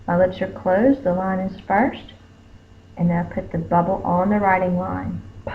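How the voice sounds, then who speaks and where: A woman teacher, slowly sounding out letters and sounds in a phonics spelling lesson. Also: fairly low pitch, flat delivery, slight background noise. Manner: slow, careful, sounding out each letter. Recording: tinny phone-like lo-fi recording.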